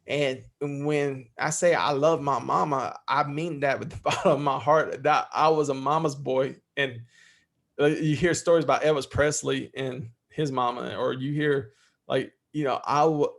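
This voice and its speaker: A man's voice: mid-range voice, steady tone, moderate pace, gravelly. A middle-aged man speaking as a podcast guest in candid interview talk, heartfelt and freely swearing.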